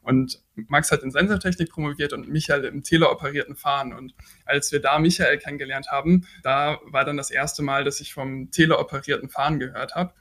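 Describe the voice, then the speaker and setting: A man's voice: on the high side, fairly even intonation, fairly quick, pushed and bright. A man in his twenties, a startup founder, answering podcast questions earnestly with frequent hesitations. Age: 20s. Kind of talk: podcast interview.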